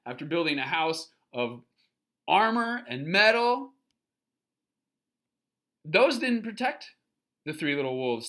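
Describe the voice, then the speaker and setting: In a medium-pitched voice, the reader brings a children's story to life, breaking off from time to time for explanations and questions.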